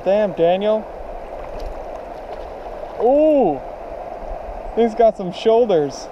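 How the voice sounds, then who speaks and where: A man hosting a fishing vlog while wading in a river, casual and excitable, filmed on a body-worn action camera. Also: high voice, background noise. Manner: excited, shouting at catches. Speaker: fishing channel host. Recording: dull action-cam audio, rushing river.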